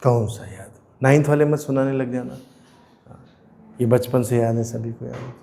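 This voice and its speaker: A man's voice: mid-range voice, steady tone, moderate pace, gravelly, dark tone, a little hiss or hum. A man, unwell and sore-throated, teaching a physics class and teasing and scolding his students. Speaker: coaching teacher.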